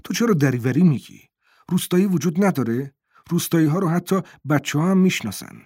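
A man reading the lines of a sharp-tongued, scornful wife in a storybook reading, scolding in a slightly raised voice. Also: mid-range voice, animated, breathy edge, dry recording, studio quality.

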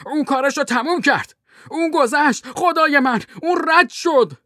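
A woman voicing an excitable male army captain who gives a tense, halting running commentary in an audiobook. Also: on the high side, dry recording, studio quality, close to an everyday voice. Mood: excited. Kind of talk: audiobook role reading.

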